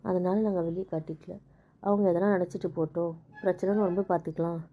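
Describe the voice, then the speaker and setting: A woman talking with her husband in a casual couple conversation, explaining things patiently and calmly. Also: fairly low pitch, fast talker. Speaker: wife.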